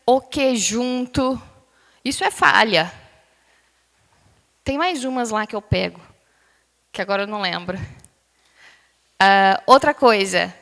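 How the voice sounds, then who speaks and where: Lively teacher in a big echoing hall. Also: female voice, on the high side. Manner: lively, questioning the class, drawing out words. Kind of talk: live classroom lecture. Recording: long hall reverb.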